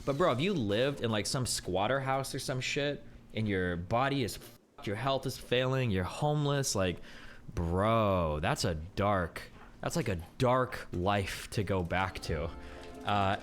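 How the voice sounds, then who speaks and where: A man's voice: on the low side, unhurried. A man giving casual, rambling commentary as a streamer, slangy and often hesitant and correcting himself mid-thought. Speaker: streamer reacting to a video. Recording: music faintly behind. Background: faint music.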